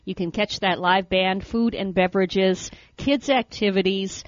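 A woman's voice: mid-range voice, steady tone, unhurried, no room sound, dull audio. Chatty woman co-hosting a radio show. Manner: chatty, reading event listings. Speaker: co-host. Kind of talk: casual radio chat.

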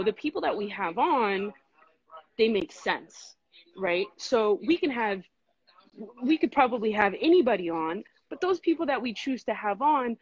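A woman guest talking casually in an interview, relaxed and chatty with plenty of fillers. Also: mid-range voice, slightly rough, lo-fi sound. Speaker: podcast co-host and guest.

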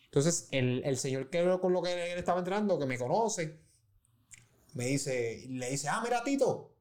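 A man's voice: on the high side, a little slow, a little mellow. A man chatting casually in a recording studio, telling stories in a loose, slangy way with many restarts. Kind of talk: casual chat.

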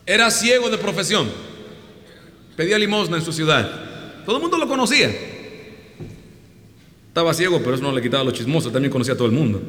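A man's voice: a little high, expressive, quick pace, pauses often. A man with a Mexican accent preaching a sermon in a colloquial, joking way, in a hall with long reverb.

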